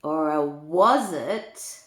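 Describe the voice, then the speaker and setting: This grandmother sits low in pitch, sounding animated and a touch bright as she lilts unhurriedly through a rhyming storybook. She tosses asides to the children listening, and the room around her is echoey.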